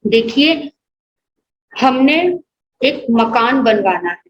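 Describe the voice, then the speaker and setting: A woman's voice: on the high side, lively intonation, very slow, roomy sound, dull audio, a little hiss or hum. A woman, a nun, teaching an online religious class, patiently explaining and listing terms one by one.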